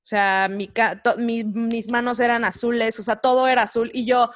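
A young Mexican woman with a fairly high voice tells a story in casual conversation. She talks candidly and with lots of energy, full of slang. Her speech is loose and friendly. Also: little pitch movement, moderate pace. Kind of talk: casual chat.

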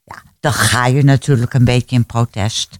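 A woman's voice: extremely low pitch, fairly even intonation, moderate pace, a little mellow, no room sound, clean studio sound. A woman in her seventies, a guest on a radio show, agreeing often and reflecting on her youth. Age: 70s. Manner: agreeable, many short "ja" replies, reflective. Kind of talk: casual radio chat.

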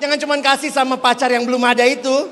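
A man's voice: very high voice, little pitch movement, fast talker, fairly bright tone, a little hiss or hum. A man giving a playful talk to teenagers as a youth speaker, joking and putting questions to the audience. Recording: long hall reverb.

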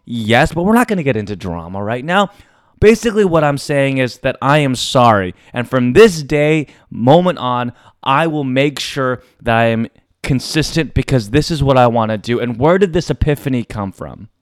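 Theatrical, showman-like man with a clear voice. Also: medium pitch, animated, no echo, clean studio sound. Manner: emphatic, dramatic pauses and rhetorical questions. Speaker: podcast host. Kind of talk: solo confessional podcast talk to listeners.

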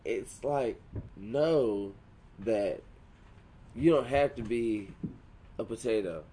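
A man's voice: lowish voice, slow, mellow. A man co-hosting a casual podcast, joking, swearing and slipping into goofy voices. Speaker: podcast co-host. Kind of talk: rowdy casual chat.

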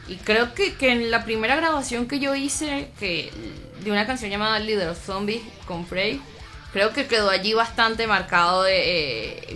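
A woman's voice: mid-range voice, sharp tone. A woman from Venezuela, a metal vocalist, answering interview questions in a reflective, casual way with frequent restarts. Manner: reflective, many restarts and fillers. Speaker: metal band vocalist, guest.

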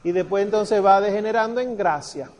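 Male Latin teacher, high pitch, slow and patient explanations. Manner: patient, explanatory, drawls the Latin prayer words. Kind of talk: classroom lesson.

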